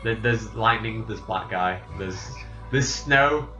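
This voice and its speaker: Bright-voiced man, rambling recap. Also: lowish voice, soft background music. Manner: rambling, halting, with frequent restarts and laughs. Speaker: podcast host. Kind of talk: casual chat, recapping a game plot from memory. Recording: roomy, slightly dull home recording.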